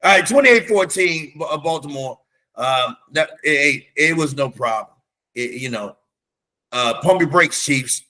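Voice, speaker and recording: A man in casual sports talk, his voice bright and pitched a little high. He is animated and loose with slang as he runs through scores and stats, and he keeps an easy back-and-forth going with his co-host. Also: unhurried. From United States. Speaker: teacher.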